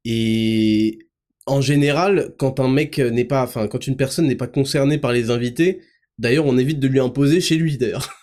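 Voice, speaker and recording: Man ranting, crude, mocking, keeps laughing, loud then low. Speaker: host. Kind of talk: ranting monologue.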